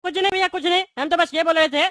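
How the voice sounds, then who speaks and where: Squeaky fast cartoon politician, blustering coward, bright. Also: male voice, steady tone, dry recording, clean studio sound. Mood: cowering. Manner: boastful, then pleading and whiny. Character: bald male petty politician, blustering then cowardly. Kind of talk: cartoon voice acting.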